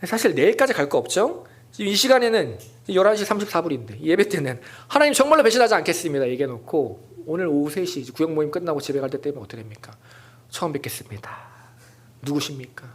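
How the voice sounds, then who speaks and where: A man preaching a Sunday sermon in a church, acting out the lines of the people he quotes and dropping to a soft whisper at tender points. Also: on the high side, lively intonation, quick pace, husky. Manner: voices quoted dialogue with sudden soft whispered drops. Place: church sanctuary.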